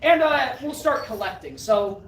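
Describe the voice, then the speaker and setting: Woman stage mentalist, slightly high voice, joking casual patter, roomy live venue, distant mic. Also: lively intonation, unhurried, slight background noise. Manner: playful, self-deprecating, off-the-cuff. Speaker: stage mind reader performing for an audience. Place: live performance venue, indoors.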